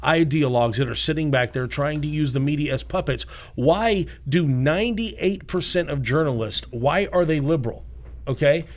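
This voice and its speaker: Emphatic man with a higher voice. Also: normal speed. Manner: emphatic, fires rhetorical questions. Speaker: podcast co-host. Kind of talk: casual podcast debate. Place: podcast studio.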